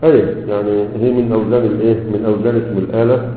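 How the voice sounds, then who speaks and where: A man's voice: lowish voice, steady tone, racing. A man with an Egyptian Arabic accent teaching a grammar class, explaining step by step and checking that his students follow. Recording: tinny lo-fi recording in an echoey hall.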